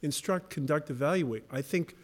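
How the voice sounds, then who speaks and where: A man's voice: fairly high pitch, normal speed. Insistent male attorney in a reverberant hall. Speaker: defense attorney. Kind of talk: oral argument in court.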